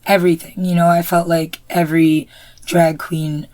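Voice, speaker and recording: A woman with a low voice talks through a TV episode in loose, casual chat. She leans on "you know" again and again. The sound is close and dry. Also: level tone, moderate pace, a little mellow, dry recording. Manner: chatty, many "you know" fillers. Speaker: podcast co-host. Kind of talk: casual review discussion.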